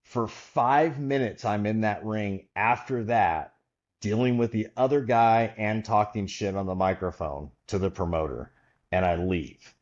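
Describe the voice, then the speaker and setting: This podcast guest speaks on the low side at a measured pace, and the audio is lo-fi. He tells a long story in an easygoing, animated way, voicing each person's lines himself.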